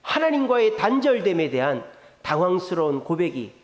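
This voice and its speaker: A male pastor preaching a sermon in an animated way, putting rhetorical questions to the congregation. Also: high-pitched, moderate pace. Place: church sanctuary. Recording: echoey church hall reverb.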